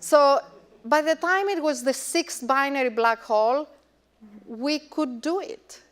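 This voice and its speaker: A woman speaking as a scientist on a panel, telling an anecdote in an animated way and acting out what she once thought. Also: sits high, slow. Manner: animated, acts out her past reactions. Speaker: panelist, astrophysicist. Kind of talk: panel discussion, casual storytelling.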